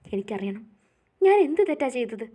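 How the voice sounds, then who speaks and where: A woman's voice: a little high, sing-song, normal speed, warm tone. A woman reading as a distraught young bride-to-be. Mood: pleading. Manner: pleading, distraught. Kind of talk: storybook narration.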